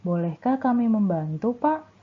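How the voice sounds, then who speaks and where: A woman's voice: on the high side, very slow, husky, pitched above the performer's own voice, heavily acted. A woman reading aloud the part of a curious schoolchild asking a gardener questions, with an eager rising lilt. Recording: tinny phone-like sound.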